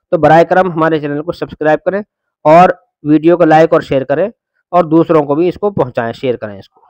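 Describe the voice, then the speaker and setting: High-voiced man teaching Quran reading. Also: no echo. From India. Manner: spells out letters and vowels slowly, then blends them; patient explaining, corrects common student mistakes. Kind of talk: slow syllable-by-syllable Quran reading lesson.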